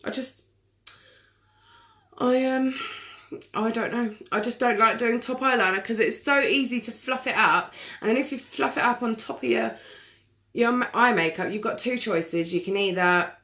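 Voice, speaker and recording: A woman chatting casually through a live makeup tutorial, self-deprecating and quick to laugh. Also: a little high, a bit bright. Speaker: makeup vlogger.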